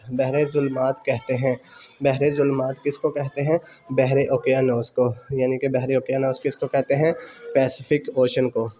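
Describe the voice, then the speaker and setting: Man drilling quiz answers, flat delivery. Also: medium pitch, a little hiss or hum. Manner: repeats each question and answer slowly for dictation; mixes English exam terms into his speech. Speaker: exam prep teacher.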